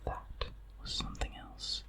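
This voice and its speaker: Someone whispers a horror story ASMR-style, very close to the microphone as if right in the listener's ear, with measured pauses.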